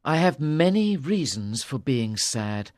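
A woman voicing a proud, troubled young king in a storybook, brooding and quick to anger. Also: rumbling low, sing-song, darkish tone, no room sound, studio quality, voice pushed down, heavily acted. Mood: brooding, sad. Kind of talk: storybook character voice.

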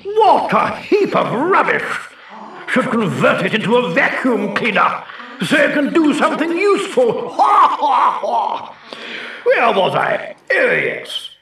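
A storyteller voicing a pompous, boastful male battle cruiser who shouts and blusters. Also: mid-range voice, huge pitch swings, slow pace, roomy sound, recorded from a distance, voice pushed up, full character voice. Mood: mocking. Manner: blustering, shouting, mocking laughter.

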